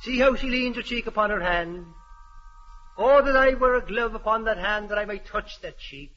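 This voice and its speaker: A man's voice: sits high, moderate pace, close to an everyday voice. An actor playing a naive, eager young man who wants to act, earnest and overdramatic when he recites. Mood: hammy. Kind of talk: 1940s radio comedy acting. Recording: muffled old radio recording.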